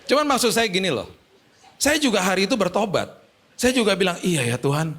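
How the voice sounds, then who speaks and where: A male pastor, preaching a sermon through lively, humorous storytelling. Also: sits high, brisk.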